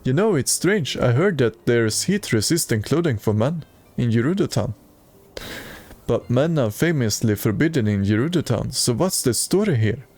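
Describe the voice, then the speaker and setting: A man's voice: mid-range voice, expressive, normal speed, a little mellow. A man streaming a video game and reading its dialogue aloud in a plain way, with occasional stumbles.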